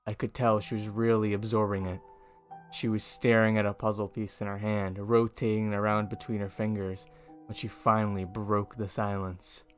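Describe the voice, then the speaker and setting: A man casually reading a joke post aloud in an unhurried way. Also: fairly low pitch, level tone, faint music behind. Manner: slow, unhurried, breaks into laughter.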